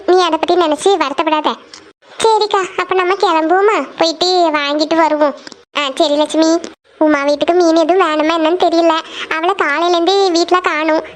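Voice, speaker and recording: Lady voicing a chatty young cartoon girl, high voice, talks really quick. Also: fairly even intonation. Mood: casual. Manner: chatty, playful. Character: young women, warm and playful. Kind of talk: cartoon voice acting.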